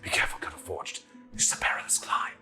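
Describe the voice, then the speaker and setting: A man voicing a secretive, cautious female guide in a tabletop game, in a breathy near-whisper. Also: fast talker, bright, forceful tone, faint music behind, close to an everyday voice. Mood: hushed, cautious.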